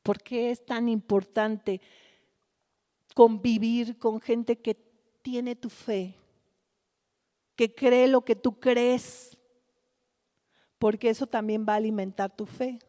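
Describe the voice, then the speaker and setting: A woman's voice: a little high, fairly even intonation, mellow. A woman preaching a sermon, putting rhetorical questions to her congregation. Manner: asks the congregation rhetorical questions, slow and deliberate. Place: church hall. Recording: long reverb of a church hall.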